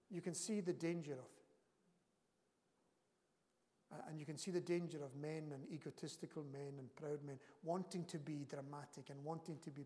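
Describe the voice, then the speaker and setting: A man's voice: on the high side, a little mellow. A man preaching a sermon as pastor of his church, earnest and emphatic, his intensity rising and falling. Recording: long reverb of a church hall.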